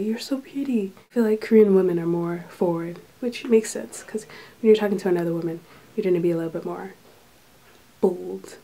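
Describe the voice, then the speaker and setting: A woman talking softly and half-whispering in a casual vlog, recorded in a small room with thin walls. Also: medium pitch, rough recording. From United States. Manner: talks softly and hushed, drifting into whispers. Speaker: vlogger, English teacher abroad.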